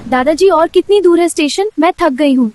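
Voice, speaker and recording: A man voicing a cheerful little granddaughter in a family drama, with a high, girlish put-on voice. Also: normal speed, darkish tone. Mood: tired.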